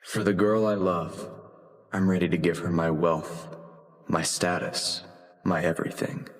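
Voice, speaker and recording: Casting: rich romantic lead, male, very low voice, sincere and smitten. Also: steady tone, measured pace. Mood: tender, earnest. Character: lovestruck wealthy CEO, earnest and romantic. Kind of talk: melodramatic short-form drama acting.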